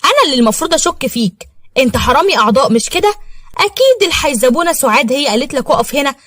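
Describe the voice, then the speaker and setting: A fiery seventeen-year-old girl, played by a woman narrator, snaps back with quick insults in an Egyptian accent. Her voice sits high and races along. The recording is dry and close, like a storybook audio. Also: lively intonation, a bit bright, no echo. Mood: accusing. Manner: scolding, insulting, quick comebacks. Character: fiery, sharp-tongued teenage girl of seventeen.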